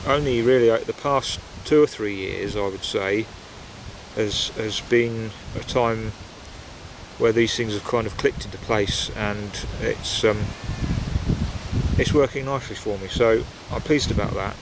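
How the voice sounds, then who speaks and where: Guy vlogging in the woods, lowish voice, hesitant reflective rambling, lots of wind noise. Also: unhurried. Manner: hesitant, reflective, meandering delivery. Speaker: pipe-smoking vlogger. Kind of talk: casual outdoor chat. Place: outdoors in windy woodland. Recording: outdoor wind noise, basic equipment. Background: wind and rustling leaves.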